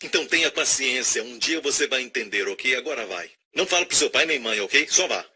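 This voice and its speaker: A man voicing a gentle, patient Jesus who speaks softly and reassuringly to a boy. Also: expressive, fairly quick, breathy edge, heavily acted. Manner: soft, low and reassuring.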